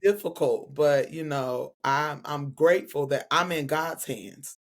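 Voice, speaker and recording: A woman preacher with a low-pitched voice and measured pace is a guest speaker in a casual, faith-centered conversation. She talks expressively, laughing and adding affectionate asides, calling her friend "girl" and "honey."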